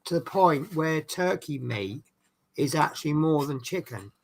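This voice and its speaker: A gravelly, slightly high-voiced man with a Norfolk English accent from East Anglia hosts a hobby build livestream, chatting casually as he works. His intonation is lively, he speaks at normal speed, and there's slight background noise.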